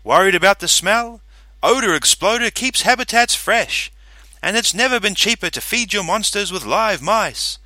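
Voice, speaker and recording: A man voicing a loud male salesman hawking wares like a carnival barker, in an audiobook reading. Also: expressive, normal speed, no room sound, exaggerated voice. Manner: booming sales pitch.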